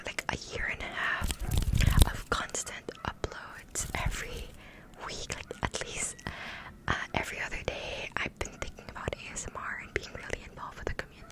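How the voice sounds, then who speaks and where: A young adult ASMR creator whispering a casual catch-up to the viewers, repeating trigger words over and over into a close, fluffy-covered mic. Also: low-quality recording. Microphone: sensitive mic with a fluffy cover.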